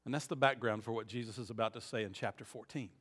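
A man preaching a sermon, moving between quiet reflective passages and loud, emphatic peaks, often repeating words as he stresses a point. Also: on the low side, quick pace. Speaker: pastor.

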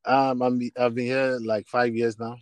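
With a medium pitch, level tone, and measured pace, a Nigerian man answers interview questions as a guest musician, a bassist and singer. He tells personal stories, stumbling and repeating words as he looks for the right wording. There's no room sound.

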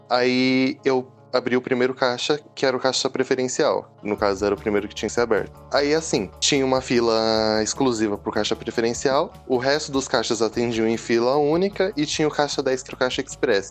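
A young man with a Brazilian Portuguese accent telling a work story on a podcast, animated and acting out the people he quotes. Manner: animated, acts out quoted customers and staff with rising pitch. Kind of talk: casual storytelling chat.

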